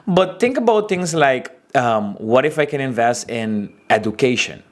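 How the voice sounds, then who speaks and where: Animated young man with Aruban accent. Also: a little slow. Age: 20s. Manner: animated, expressive storytelling with big pitch swings. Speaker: wedding photographer sharing business advice. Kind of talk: casual talking-head advice episode.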